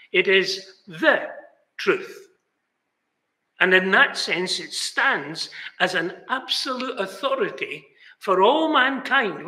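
This is an older man giving an earnest, emphatic sermon indoors in a small chapel, a banner at his back and both hands moving as he speaks. He has a high-pitched voice with a bright, forceful tone, heard through roomy chapel echo.

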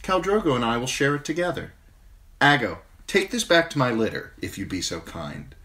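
A man voicing a young exiled princess, speaking softly and measuredly with quiet authority. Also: medium pitch, big pitch swings, normal speed, voice pushed up. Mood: gracious. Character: young exiled princess, gentle but commanding woman.

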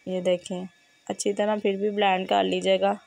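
This cooking channel host sounds hoarse and fevered, her mid-range voice moving at a moderate pace. She leads a home cooking tutorial in a kitchen with steady, step-by-step directions.

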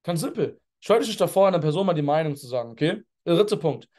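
Pushy high-voiced man coaching a call. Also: fast. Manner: energetic, pushy, slangy, mixes in English words. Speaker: network marketing mentor. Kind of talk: coaching talk on a video call. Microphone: video call.

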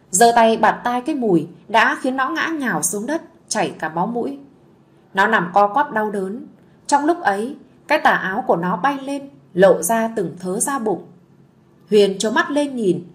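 A woman narrating a village story in a gentle, soothing way. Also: on the high side, animated, moderate pace.

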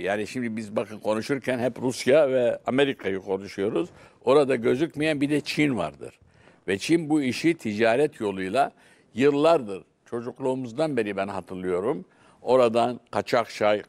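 A man's voice: mid-range voice, darkish tone. An older man arguing as a guest on a televised political panel, insistent and repeatedly cutting in to demand that others listen. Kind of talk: heated televised panel debate. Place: TV studio.

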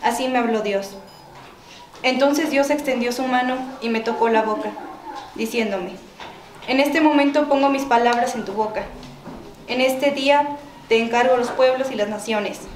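A woman's voice: fairly high pitch, normal speed, long pauses. A woman with a Mexican accent reading a Bible passage aloud at a church mass, careful and with small restarts. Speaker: scripture reader. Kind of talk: scripture reading. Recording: echoey church with faint noise.

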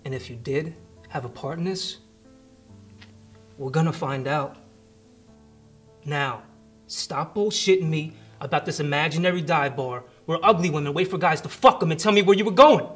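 A man's voice: medium pitch, a little slow, long pauses, faint music behind, natural voice. A man in his thirties acting as a tough, sardonic police detective, blunt and probing in a naturalistic interrogation scene. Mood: hard, accusing.

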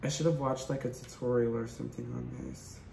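A man chatting casually to camera in a food vlog, excitable and quick to swear, with nervous laughs. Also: mid-range voice, creaky. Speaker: vlogger. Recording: echoey room with faint background hum.

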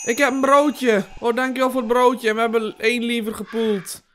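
A man's voice: very high-pitched, level tone, normal speed, fairly bright tone, slight background noise. A young man giving let's play commentary on a horror game, jumpy and swearing, yelping at scares and laughing nervously. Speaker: gaming YouTuber.

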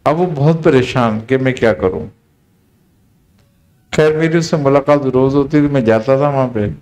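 Man, storytelling, unhurried, quoted dialogue. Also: mid-range voice, darkish tone. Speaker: Sufi spiritual teacher. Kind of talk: storytelling in a conversational talk.

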